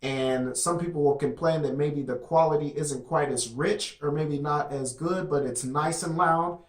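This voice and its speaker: A man's voice: a little high, unhurried. A man casually reviewing a product, rambling with many fillers and restarts. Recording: echoey room.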